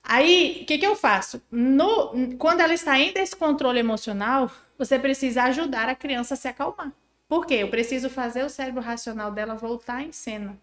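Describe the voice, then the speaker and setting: Woman, parenting educator on a podcast, animated and didactic, higher voice, echoey room. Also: a little fast. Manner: didactic, animated, acts out examples. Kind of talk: explanatory podcast conversation.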